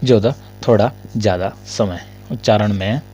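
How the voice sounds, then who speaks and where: A man teaches a casual grammar lesson at a writing board in a somewhat low voice. He fires a short question at his students and then answers it himself, and he coughs and clears his throat between lines. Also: moderate pace, dark tone.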